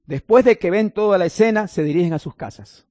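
A man's voice: sits high, a little fast, darkish tone, no echo, studio quality. A male pastor preaching a sermon, reading scripture aloud and explaining it, with playful asides to his congregation.

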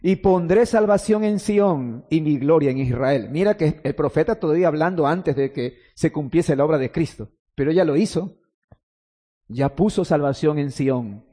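A man with a high, mellow voice preaches a sermon in a hall that rings with long reverb. He swings from loud, urgent exclamations to hushed, slowly stretched words. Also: husky. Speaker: pastor.

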